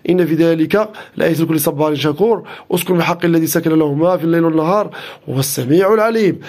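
Man chanting healing verses at high speed. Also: a little mellow. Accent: Moroccan Arabic. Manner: repetitive rhythmic recitation. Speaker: Islamic healer. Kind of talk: rapid chanted healing incantation.

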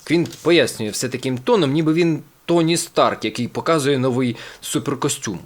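A man's voice: mid-range voice, normal speed. A man reading a children's audiobook aloud, telling the story with expression. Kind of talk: audiobook narration.

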